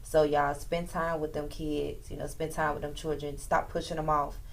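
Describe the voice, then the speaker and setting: A woman's voice: low voice, flat delivery, normal speed. A woman musician, a guest on a talk show, talking in an earnest, rambling way. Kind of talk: casual chat.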